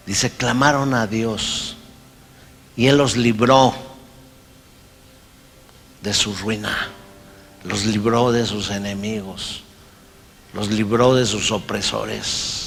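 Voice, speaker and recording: Slow, emphatic preacher in a church hall. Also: male voice, lowish voice. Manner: slow, emphatic preaching, swells into loud shouted cries. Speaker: pastor. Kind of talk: sermon. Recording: long hall reverb, faint music.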